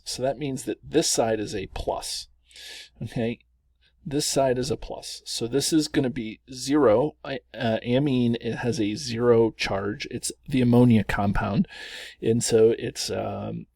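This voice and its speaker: A man's voice: mid-range voice, vocal fry, darkish tone, dry recording, clean studio sound. A man teaching chemistry through worked examples, chatty and self-correcting, chuckling at the long names.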